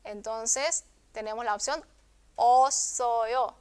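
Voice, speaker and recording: A woman teaching a recorded video lesson, patient, often checking in with the viewer and repeating words slowly. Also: on the high side, fairly even intonation, a little mellow, smooth. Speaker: language teacher.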